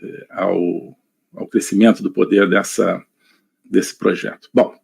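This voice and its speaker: A man with a Brazilian Portuguese accent giving a live online lecture, measured and thinking aloud with many fillers. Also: low voice, steady tone, creaky, darkish tone, slightly rough. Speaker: lecturer on politics. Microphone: computer mic, screen sharing.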